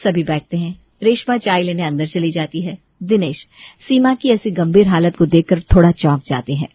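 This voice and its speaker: A woman narrating a family story in a steady scripted reading. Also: on the low side, normal speed, lo-fi sound.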